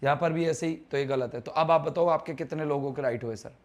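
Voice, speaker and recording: A man's voice: fairly high pitch, fast. A man, teaching a live online English grammar class in a chatty, teasing way and quizzing students on their answers.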